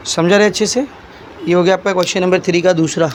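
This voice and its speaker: A male chemistry teacher lectures his class in a high-pitched voice, talking fast with fairly even intonation over a slight hiss or hum. He quizzes the students, answers his own questions, and coaxingly calls them "beta."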